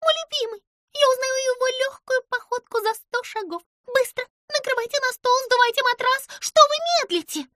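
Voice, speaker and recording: A woman voicing an excitable, bossy little female animal in an audiobook, with a squeaky, shrill, dramatic voice. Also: normal speed, no echo, clean studio sound. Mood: excited. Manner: breathless, demanding, dramatic. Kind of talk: audiobook character voice.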